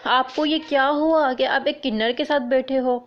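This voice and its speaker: Storybook role: a woman reading a scornful young neighbor; higher pitch, dull recording. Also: steady tone, close to an everyday voice.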